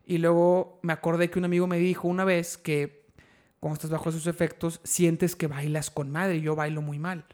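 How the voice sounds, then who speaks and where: A young man with a Mexican accent tells a long story on a podcast in a high voice. He talks in animated, slangy bursts and laughs at his own jokes. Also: fairly quick. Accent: Mexican Spanish. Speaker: podcast host. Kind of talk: casual storytelling chat.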